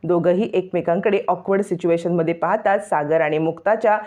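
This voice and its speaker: A woman narrating a recap of a family drama serial in a steady storytelling manner. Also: on the low side, a little fast, lo-fi sound. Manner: steady storytelling, retelling dialogue.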